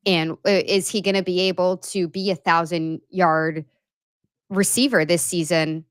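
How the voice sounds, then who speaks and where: A woman co-hosting a casual sports podcast, measured and analytical as she talks things through. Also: lowish voice, steady tone, clear, resonant tone, dry recording. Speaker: podcast co-host and writer.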